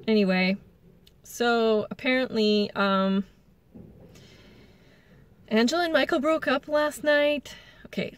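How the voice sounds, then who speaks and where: Catty woman ranting about reality TV. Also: mid-range voice. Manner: blunt, catty, lots of "like" fillers. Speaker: TV recap vlogger. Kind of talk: casual reality TV recap rant.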